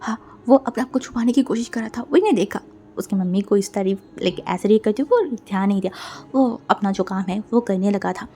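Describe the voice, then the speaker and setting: A woman's voice: medium pitch, brisk, mellow. A woman casually retelling a fan fiction story, often repeating words and mixing in English.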